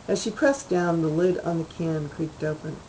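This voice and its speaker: A woman, the author, reading her own literary short story aloud in a measured, even way. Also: low-pitched, slight background noise, rough recording.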